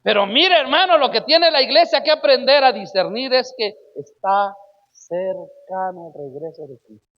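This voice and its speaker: A man's voice: extremely high pitch, lively intonation, normal speed, muffled recording. A man preaching a sermon emphatically. He keeps addressing his listeners as brother and asks them rhetorical questions.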